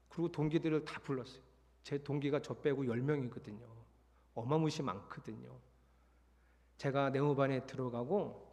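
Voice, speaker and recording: A middle-aged man preaching a sermon, telling a personal story in a lively way and acting out his own shouting. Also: a little high, big-room sound. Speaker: pastor. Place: church sanctuary.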